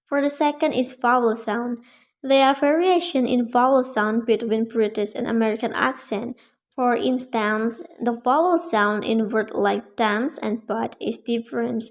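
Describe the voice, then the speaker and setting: A young woman with a fairly high voice reads her class presentation aloud. She is careful and measured, making small slips now and then. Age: young adult. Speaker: student presenter. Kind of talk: reading a prepared presentation.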